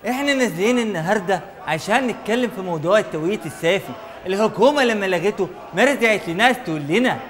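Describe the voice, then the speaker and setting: Very fast, loud Egyptian protester. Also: male voice, high-pitched, expressive. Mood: complaining. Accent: Egyptian, varying by regional character. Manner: loud, emphatic, colloquial. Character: indignant, chatty male protester with petty demands. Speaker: citizen interviewed in the street. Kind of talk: parody vox pop. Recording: echoing hall, crowd noise.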